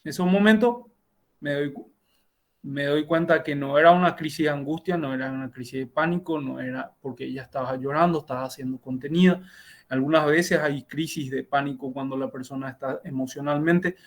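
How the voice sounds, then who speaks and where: A middle-aged man, a doctor teaching a class, tells a clinical case in a halting way with frequent restarts and tag questions, heard over a video call. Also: on the high side. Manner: halting, many self-corrections and tag questions. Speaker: university lecturer and doctor. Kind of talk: lecturing with a clinical case story.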